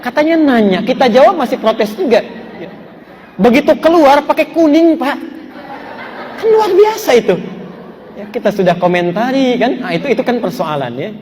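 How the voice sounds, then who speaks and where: High-voiced male preacher telling stories. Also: very animated, moderate pace, darkish tone, big-room sound, some chatter behind, slight background noise. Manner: storytelling, asks the audience questions. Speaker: Islamic preacher. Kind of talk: sermon on married life with stories.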